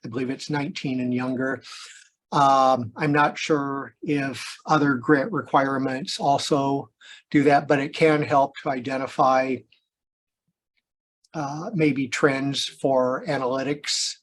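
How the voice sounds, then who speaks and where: A man explaining a point in a remote work meeting, measured, with filler pauses. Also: mid-range voice, flat delivery. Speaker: meeting participant.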